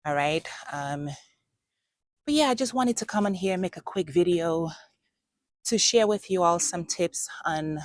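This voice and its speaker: Casual gardening vlogger, woman, low unhurried voice, chatty and direct with viewers. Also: animated, no room sound, clean studio sound. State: out of breath. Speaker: gardening channel host. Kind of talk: casual garden walkthrough vlog.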